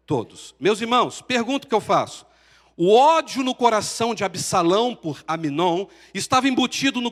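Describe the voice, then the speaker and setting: A Brazilian pastor with a high voice preaches a sermon. He builds his points with pauses and rising emphasis, and his voice rings out with a long church-hall reverb behind it. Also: fairly bright tone. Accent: Brazilian Portuguese.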